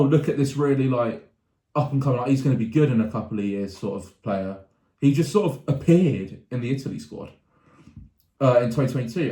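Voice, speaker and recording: A man's voice: mid-range voice, darkish tone. A young man chatting casually about sports, rambling with restarts and asides. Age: young adult. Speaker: sports vlogger. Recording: roomy echo.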